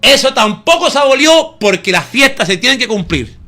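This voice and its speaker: High, lively, bright-voiced male preacher. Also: normal speed. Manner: emphatic preaching, calls listeners "hermano" often; asks the audience rhetorical questions. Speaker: pastor. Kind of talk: sermon.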